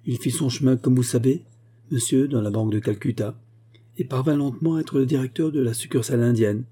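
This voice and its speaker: A man's voice: medium pitch, brisk, warm tone, husky, pitched above the performer's own voice, natural voice. A man reading the part of a loyal old bank clerk who speaks earnestly and with feeling. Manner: pleading, earnest. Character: elderly male bank clerk, loyal and emotional.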